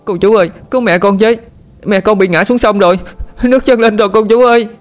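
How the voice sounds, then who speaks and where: A man's voice: brisk, faint music behind. A man doing a screaming little girl. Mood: begging. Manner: shrill panicked screaming. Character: terrified little girl crying for her drowning mother.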